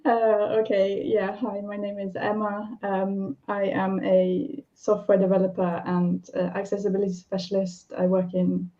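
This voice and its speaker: A woman from the UK talks on a video call. She is hesitant and chatty, with many fillers. Her voice is mellow and fairly even in pitch, and the call audio sounds slightly dull and lo-fi. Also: a little slow, few pauses. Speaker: software developer and accessibility specialist. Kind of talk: casual chat on a live stream.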